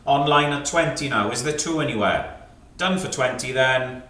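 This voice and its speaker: Male British fine art auctioneer, clipped bid-calling patter, mid-pitched, recorded at a distance in an echoey sale room. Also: normal speed, heavy background noise. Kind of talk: live auction calling, reeling off rising bids.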